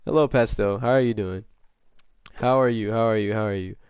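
A young man chatting casually with viewers during a gaming livestream, excitable, repeating himself and full of slang, his voice a bit sick. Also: fairly low pitch, fairly quick, clean tone, no echo. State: slightly sick voice.

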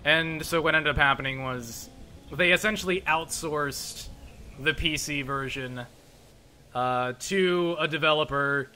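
Ranting, bright-voiced young man. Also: fairly high pitch. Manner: ranting, profane, rambling. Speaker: let's play host. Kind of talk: casual gaming commentary.

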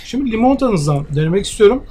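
A man in his sixties hosting a food show at a cafe, tasting dishes and speaking in a measured, appreciative way with many hesitations. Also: high voice, very animated, background noise. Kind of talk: casual tasting interview. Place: outdoor cafe terrace.

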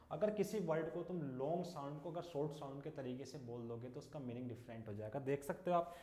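A man's voice: fairly high pitch, darkish tone. Echoey male teacher quizzing a class. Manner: asks students questions and repeats the answers. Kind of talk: classroom English lesson in Hindi. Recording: echoey room.

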